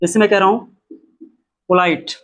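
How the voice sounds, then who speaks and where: A man's voice: high voice, fairly even intonation, normal speed, fairly bright tone. A man teaching an English spelling lesson, who asks his own questions, answers them and repeats every point. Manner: spells out words letter by letter.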